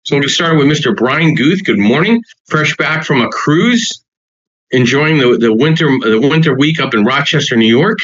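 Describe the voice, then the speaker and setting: A man's voice: a little high, expressive, normal speed, a bit bright, highs cut off. A man hosting a real estate podcast, reading short punchy points and then chatting loosely with restarts. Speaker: podcast host. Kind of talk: podcast talk, partly read notes.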